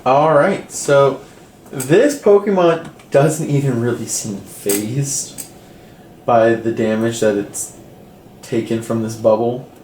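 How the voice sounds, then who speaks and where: A man's voice: medium pitch, takes it slowly, darkish tone. A man running a tabletop game as game master, narrating casually with fillers. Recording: roomy echo, faint background noise.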